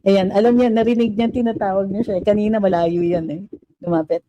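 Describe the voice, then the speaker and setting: The recording is muffled with background noise as a woman with a Filipino accent hosts a casual livestream from a home room with a fan. Speaking a little fast in a medium-pitched voice with fairly even intonation, she reads viewer comments aloud, switches between Filipino and English, and coos at her dog.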